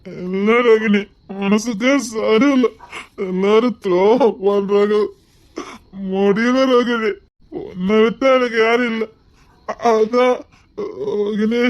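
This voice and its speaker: A woman's voice: on the high side, steady tone, slow, long pauses, a little mellow, lo-fi sound. Woman playing heartbroken drunk young man, Tirunelveli accent, faltering, stammering, pleading. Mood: despairing. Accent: Tirunelveli Tamil. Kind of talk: amateur dramatic dialogue.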